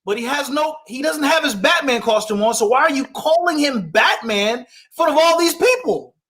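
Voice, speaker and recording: Animated high-voiced man ranting. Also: moderate pace. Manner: animated, ranting, acts out quoted lines. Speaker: podcast co-host. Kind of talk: casual chat.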